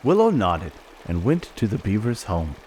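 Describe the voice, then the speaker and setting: A man gently reading a children's storybook aloud in an expressive way. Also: on the low side, normal speed, a little hiss or hum. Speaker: narrator.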